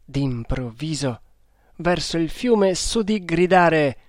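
Male audiobook narrator, unhurried reading, higher voice, dry. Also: expressive, no echo. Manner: slow, deliberate reading. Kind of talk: storybook narration.

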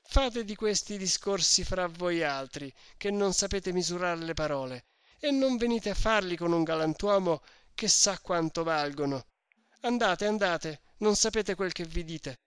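A man's voice: on the high side, measured pace, pushed and bright, dry recording, studio quality. A man voicing a pompous, evasive middle-aged lawyer who lectures and blusters in a storybook reading. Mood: blustering.

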